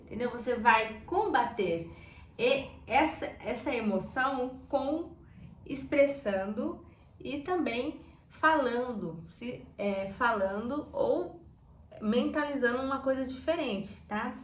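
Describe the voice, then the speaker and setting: A woman with a Brazilian Portuguese accent coaching viewers on their emotions, lively and talking straight to them, acting out everyday examples. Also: a little high, slow pace. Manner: animated, acts out examples and talks straight to viewers. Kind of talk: informal teaching talk to camera. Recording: echoey room with faint background noise.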